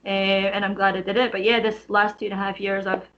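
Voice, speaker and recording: A woman's voice: mid-range voice, level tone, a little fast, fairly bright tone. Chatty Canadian woman, lo-fi audio. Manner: chatty, frequent "like" and "you know" fillers. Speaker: podcast guest, personal trainer. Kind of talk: casual interview chat.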